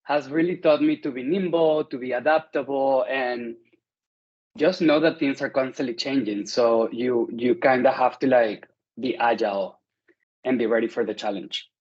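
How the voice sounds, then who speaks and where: A man's voice: mid-range voice, moderate pace, darkish tone. Chatty Venezuelan-born man, dull audio. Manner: friendly, chatty, many "like" fillers. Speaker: interview guest. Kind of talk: casual interview conversation.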